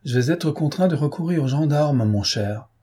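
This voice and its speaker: A man's voice: a little high, lively intonation, normal speed, warm tone, husky, voice pushed up. A man putting on a sneering villainous baron. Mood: mocking. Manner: taunting, sneering. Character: sly mocking male baron, a villain. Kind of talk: audiobook character voice.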